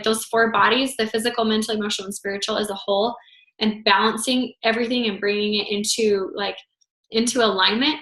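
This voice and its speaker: A woman's voice: fairly high pitch, sharp tone. A woman teaching a group in a casual, chatty way, full of filler words, her voice slightly worn. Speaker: foot zoning instructor. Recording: roomy echo.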